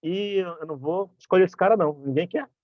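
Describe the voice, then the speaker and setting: Lively Brazilian man giving a talk. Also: high voice, brisk, dry recording, dull audio. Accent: Brazilian Portuguese. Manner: lively, acts out example dialogues. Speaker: speaker at a conference. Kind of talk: motivational public talk. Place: conference hall.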